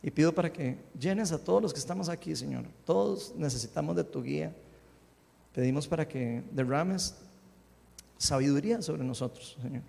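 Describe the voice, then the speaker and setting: A man preaching a sermon, praying aloud and reading scripture, with impassioned swings between loud lifted phrases and soft low prayer. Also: moderate pace, creaky. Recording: long hall reverb.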